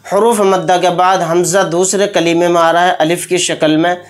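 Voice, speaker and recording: A man teaching Quran recitation rules, explaining each sound slowly and deliberately, then chanting the verses in long drawn-out tones. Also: high voice, little pitch movement. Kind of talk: tajweed lesson. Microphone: close mic, speaking while pointing with a pen.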